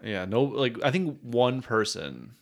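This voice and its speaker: A man's voice: medium pitch, sing-song, a little slow. A man co-hosting a casual film discussion, giving opinions in a slangy, profane and somewhat hesitant way. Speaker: podcast co-host.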